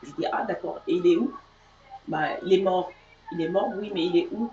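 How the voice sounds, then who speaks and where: A woman co-hosting a live chat, telling a childhood story in a soft, hesitant way. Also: fairly low pitch, brisk. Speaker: co-host. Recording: distant, roomy, dull sound.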